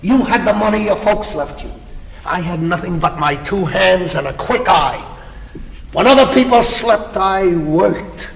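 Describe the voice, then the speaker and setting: A man's voice: high voice, lively intonation, measured pace, creaky, noisy background, heavily acted. A man acting a boastful, competitive self-made businessman in a stage comedy, bragging theatrically in long lists. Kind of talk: stage comedy cast recording. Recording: echoey theater with long reverb.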